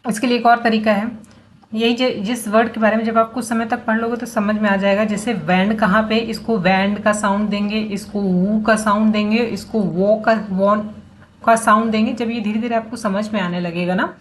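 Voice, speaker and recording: A woman's voice: mid-range voice, fairly even intonation, moderate pace. Woman teaching phonics, sounding out letters. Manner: breaks words into sounds, spells letters aloud, self-correcting. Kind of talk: classroom-style lesson explaining syllables. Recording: faint background noise.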